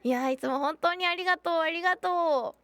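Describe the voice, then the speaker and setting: A woman's voice: very high-pitched, fairly quick, a bit bright, dry recording. A woman with a Kansai accent chatting casually on a game live stream, exclaiming often and thanking viewers. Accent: Kansai Japanese. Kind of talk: casual live-stream chat while playing.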